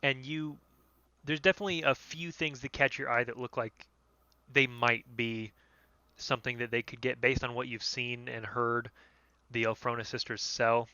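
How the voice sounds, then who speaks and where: A man's voice: mid-range voice, pushed and bright, dry recording, muffled recording. A man running a tabletop game as game master, narrating loosely and descriptively.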